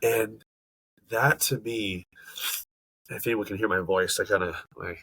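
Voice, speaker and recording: A podcast co-host with a stuffy nose from allergies speaks earnestly and emphatically in casual conversation, often groping for words. His lowish voice is husky yet bright, steady and forceful at a measured pace. The recording quality is low.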